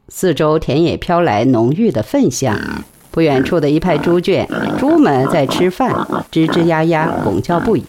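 A woman narrating a novel in an expressive storytelling manner. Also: lowish voice. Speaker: audiobook narrator. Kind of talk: novel reading.

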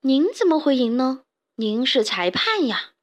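A woman's voice: sits high, expressive, normal speed, breathy edge. A woman voicing a brave, cheeky young boy chick in a children's storybook.

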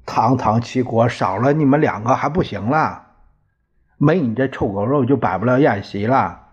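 A man's voice: medium pitch, lively intonation, normal speed, close to an everyday voice. A man voicing a hot-tempered warrior who taunts and mocks his rivals in a told story. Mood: scornful. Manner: taunting, brash. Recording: dull lo-fi recording.

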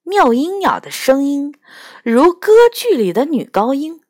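A woman telling a children's story in the first person, with an expressive manner. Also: high voice, a little slow, no room sound, clean studio sound.

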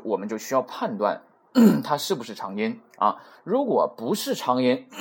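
A man's voice: mid-range voice, breathy edge. A man teaching a beginner Japanese lesson in a chatty way, repeating points and checking that listeners follow. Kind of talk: casual recorded lesson.

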